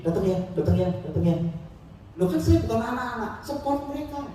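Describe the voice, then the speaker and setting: Animated pastor in an echoey church. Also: male voice, very high voice, fairly quick, a little hiss or hum. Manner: animated, acts out quotes, swings loud and soft. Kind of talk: sermon. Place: church hall. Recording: very echoey hall, mic from a distance.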